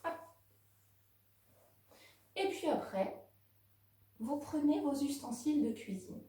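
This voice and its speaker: A woman teaching a home lesson to young children, speaking slowly and clearly to the kids and their parents. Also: high voice, very animated, warm tone. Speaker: kindergarten teacher. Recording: very echoey room, voice from a distance.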